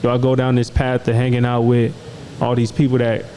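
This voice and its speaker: A man's voice: medium pitch, monotone, fairly quick, warm tone, rough recording. A young man from Iowa hosting a podcast, talking in a laid-back, slangy way and often asking "you know what I'm saying". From Des Moines, Iowa. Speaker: podcast host. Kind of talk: casual conversation.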